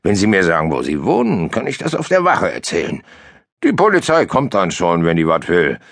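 A man's voice: low voice, huge pitch swings, fairly quick, vocal fry, a bit bright, no echo, studio quality, full character voice. A man voicing a shifty, folksy islander who talks plainly with clumsy grammar. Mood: evasive. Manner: folksy, ungrammatical, sly.

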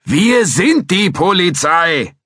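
A gruff detective presses his questions bluntly, played by a man reading a story. The voice is husky, animated and raised, recorded dry and close. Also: lowish voice, moderate pace, no room sound, voice pushed up. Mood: insistent. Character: gruff male police detective, blunt and impatient.

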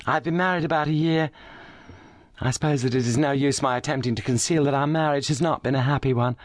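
A high, lilting young noblewoman , as a male reader puts her on, weary from her injuries yet quick to flare into indignation. Her pleas climb well above the reader's own register. The voice is close and dry, with no room sound behind it. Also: fairly even intonation, no room sound, close to an everyday voice. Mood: pleading. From brought up in South Australia. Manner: raised, pleading, indignant. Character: young titled lady, injured, weary and passionate.

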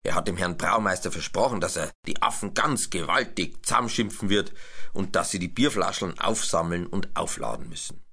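Lively low-voiced storyteller man. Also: a little fast, creaky, slightly rough. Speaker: audiobook narrator. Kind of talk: storybook narration for children.

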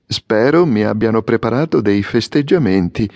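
A man's voice: lowish voice, expressive, moderate pace, darkish tone, highs cut off. A man voicing a fussy young male swallow, proud and complaining, in an audiobook fairy tale. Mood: self-satisfied. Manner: peevish, exclaiming. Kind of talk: audiobook character reading.

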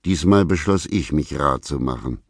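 Gruff male storyteller with a very deep voice, laconic and unhurried, dry close sound. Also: expressive, dry recording. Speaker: audiobook narrator. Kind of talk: first-person literary narration.

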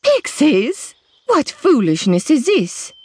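A woman's voice: mid-range voice, very animated, slightly rough, no echo. A woman reading an audiobook, voicing a hot-tempered young woman who snaps and hisses her words. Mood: curious. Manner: sharp, hissing, quick to snap. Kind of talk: audiobook character voice.

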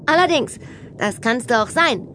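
A woman voicing a wild, cheerful little mermaid girl in an audiobook for children, high, bubbly and exuberant. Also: animated, moderate pace, sharp tone, slight background noise.

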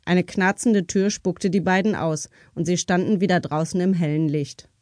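A woman reading a crime novel aloud as an audiobook narrator, in measured, even storytelling. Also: fairly low pitch, dry recording, clean studio sound. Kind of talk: scripted narration.

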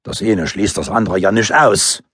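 A combative, sarcastic henchman with a club, voiced by a man in an audiobook. The husky voice jumps around lively in pitch and sits dry and close. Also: moderate pace, dry recording. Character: gruff male robber sidekick with a club, anti-capitalist.

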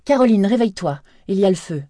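A woman's voice: rumbling low, fairly even intonation, moderate pace, warm tone, no echo, clean studio sound. A woman narrator voicing a startled husband in his thirties, who talks in urgent, alarmed exclamations in an audiobook.

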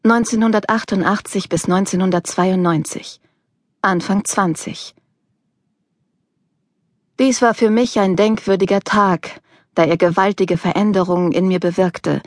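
Woman narrator, measured audiobook read, mid pitch, dry studio sound. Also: steady tone, a little mellow, no room sound. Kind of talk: scripted narration.

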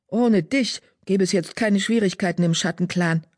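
A man voicing a proud, quick-tempered female cat leader who talks sharply and indignantly. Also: high voice, expressive, a little mellow, no room sound, clean studio sound, voice pushed up. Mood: angry.

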